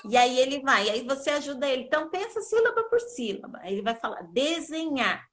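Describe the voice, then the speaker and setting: Here the same kind of live video lesson comes in a high-pitched, sing-song voice that is fairly quick and fairly bright. The woman, a literacy educator, patiently walks through each step and keeps checking that her listeners follow.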